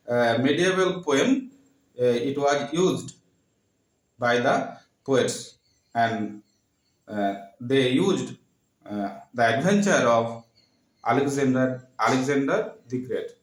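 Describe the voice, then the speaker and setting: Slow, halting man lecturing in an echoey room. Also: mid-range voice, lively intonation. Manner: slow, halting, repeats terms with many fillers. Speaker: literature teacher. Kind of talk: classroom lecture.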